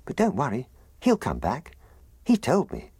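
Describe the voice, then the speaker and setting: A curious little boy asks question after question in a high, eager voice, as a man puts him on. A husky rasp sits under the lifted pitch. The sound is dry and close. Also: wildly swooping pitch, measured pace, warm tone, no room sound, exaggerated voice.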